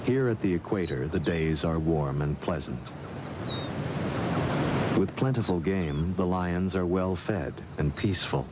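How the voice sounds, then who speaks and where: A man reading scripted nature documentary narration in a measured, formal storytelling way. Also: low-pitched, heavy background noise.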